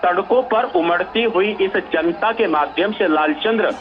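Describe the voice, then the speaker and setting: A man giving live news commentary as an analyst, measured and repeating phrases for emphasis. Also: sits high, dull audio.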